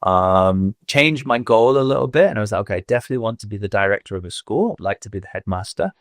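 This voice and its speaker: Low-voiced Mancunian man telling his story. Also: expressive, fast, no echo, clean studio sound. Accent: Mancunian English. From England. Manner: reflective storytelling with fillers. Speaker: guest, school owner. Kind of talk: podcast interview.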